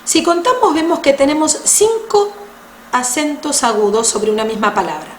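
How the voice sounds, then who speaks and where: A woman with a high voice gives a patient French lesson, lingering over each sound. Her pitch rises and falls a lot as she explains. The room echoes, with a faint hiss and keyboard clicks behind her. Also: expressive. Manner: patient, slow, spells out sounds. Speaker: French teacher. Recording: roomy echo with faint noise.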